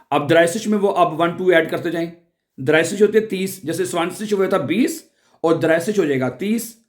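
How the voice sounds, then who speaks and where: Patient man teaching. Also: high-pitched. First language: Urdu. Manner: patient, repeats words slowly and asks the listener questions. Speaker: language teacher. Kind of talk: casual spoken lesson.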